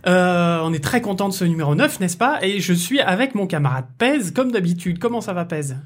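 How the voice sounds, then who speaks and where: A man's voice: high voice, animated, a little fast. Chatty man hosting a podcast. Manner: chatty, many fillers and restarts, jokey. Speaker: podcast host. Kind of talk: casual podcast interview.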